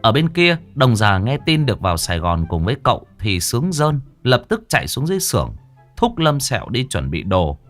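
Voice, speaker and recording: Lively man telling a comic story. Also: medium pitch, fairly quick, faint music behind. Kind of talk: comic folk-tale narration.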